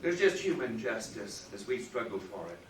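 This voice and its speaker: A man's voice: on the low side, very animated, moderate pace, a little hiss or hum. A man giving a university philosophy lecture, emphatic and leaning hard on key words, recorded from across a lecture room. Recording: roomy lecture hall from far off, faint ambience.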